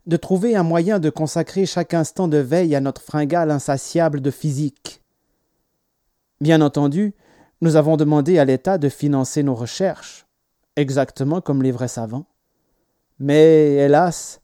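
A man narrates an audiobook in a measured, expressive reading, his voice sitting a little high for a man. The sound is close and dry, with no room echo. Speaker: audiobook reader. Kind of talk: scripted narration.

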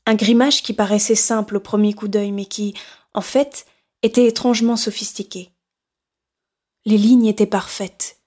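A woman reading a horror novel aloud in steady, measured scripted narration. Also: mid-range voice. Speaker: audiobook narrator.

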